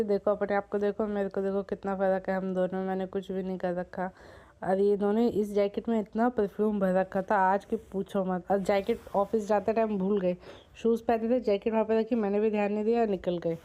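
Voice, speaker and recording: A woman's voice: mid-range voice, mellow. A young adult woman vlogger with a slightly sore throat, narrating her day in a chatty, conversational way. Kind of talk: casual vlog voice-over narration.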